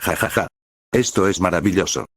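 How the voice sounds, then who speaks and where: A man's voice: sits low, moderate pace, no room sound, clean studio sound. A man voicing a fiery, cheerful male swordsman who speaks with enthusiasm. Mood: hearty. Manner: enthusiastic and upbeat.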